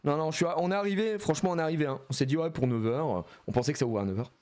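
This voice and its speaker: This streamer's voice is a little high and rapid-fire as he rips open trading card packs live. He's animated and playful, full of wordplay and frequent laughter.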